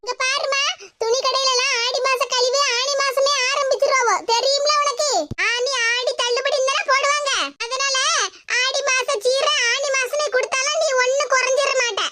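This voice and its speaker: A woman's voice: very high-pitched, flat delivery, normal speed, pushed and bright. A woman voicing a stubborn grown daughter in a cartoon who stages a protest at the doorstep and chants her demands. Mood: arguing. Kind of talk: Tamil cartoon voice acting.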